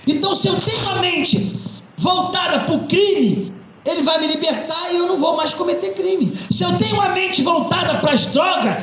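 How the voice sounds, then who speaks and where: A man preaching a fervent sermon as pastor, emphatic and at times shouting. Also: very high voice, very echoey, highs cut off.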